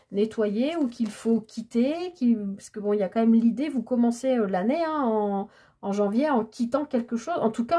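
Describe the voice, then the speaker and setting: A woman giving a tarot reading in a casual, hesitant way, stammering and filling pauses as she talks. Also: a little high, dark tone, breathy edge. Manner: hesitant, stammering, many fillers. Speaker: tarot card reader.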